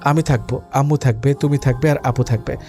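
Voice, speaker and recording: A man plays a young father in an audio storybook, talking softly and lovingly to his little boy while his own worry sits underneath. The voice is mellow and warm, pitched in a middle range, with faint music beneath it. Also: steady tone, brisk, close to an everyday voice. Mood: tender. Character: worried young father, gentle with his son.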